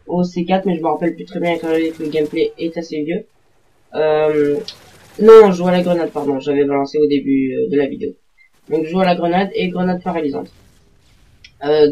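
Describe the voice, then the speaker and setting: A man's voice: sits high, warm tone. A man giving casual gameplay commentary as a voice-over, rambling hesitantly with many fillers and self-corrections. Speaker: gaming video maker. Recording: dull lo-fi home recording.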